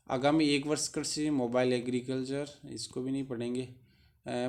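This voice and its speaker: A man teaching exam students. He reads a budget document aloud haltingly and adds short casual explanations between the passages. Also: mid-range voice, a little mellow.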